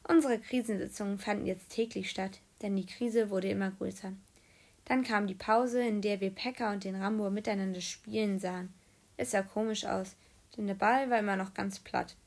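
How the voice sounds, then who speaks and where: A woman narrating a children's audiobook in a lively storytelling manner. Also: medium pitch, normal speed. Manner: lively storytelling, voicing characters.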